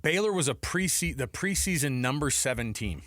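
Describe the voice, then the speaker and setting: A sports radio host runs a casual talk show from a radio studio, speaking emphatically and exclamatorily in a conversational way into a close studio microphone. His voice is on the high side, animated and a bit bright, at normal speed with no echo.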